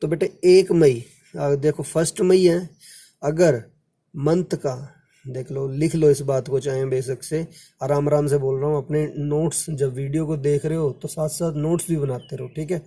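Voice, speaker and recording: A man's voice: on the high side, steady tone, unhurried, dark tone. A man teaching a commerce lesson, lecturing in a casual classroom way, counting aloud and addressing students affectionately. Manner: counts months aloud, calls students "बेटा", quotes their questions.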